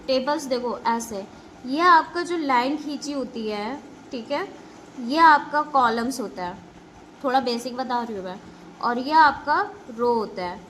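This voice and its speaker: A woman's voice: a little high, unhurried, a bit bright, a little hiss or hum. A woman teaching a basic computer lesson to schoolchildren, repeating points and often checking that they follow. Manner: repetitive, keeps checking understanding with "ok"; addresses pupils directly with instructions. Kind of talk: classroom lesson explaining basics to children.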